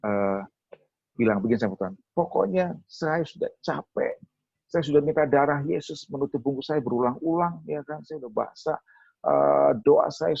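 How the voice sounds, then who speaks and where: A man's voice: mid-range voice, creaky, a little mellow, slightly rough, no room sound, highs cut off. A man telling a personal testimony at a webinar, acting out his own past words as he speaks. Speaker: speaker at a theology school webinar.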